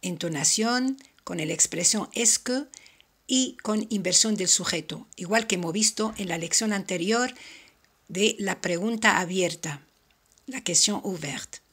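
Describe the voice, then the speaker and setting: A woman teaching a French lesson, explaining step by step and repeating each example slowly. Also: medium pitch, fairly bright tone, husky. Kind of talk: slow, careful language lesson.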